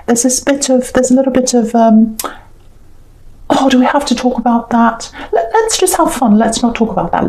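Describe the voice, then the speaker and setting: A woman's voice: on the high side, dark tone, low-quality recording. A woman giving a mystical tarot reading in a conversational, unscripted way, explaining her intuitions hesitantly and reassuringly, often repeating herself. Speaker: tarot reader.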